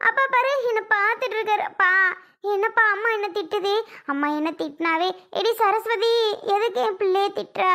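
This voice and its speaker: A woman doing a tearful young daughter in a cartoon family serial, very high and bright, begging her father again and again. Her words come in soft, repeated pleas. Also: full character voice. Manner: pleading, repeated calls of "appa".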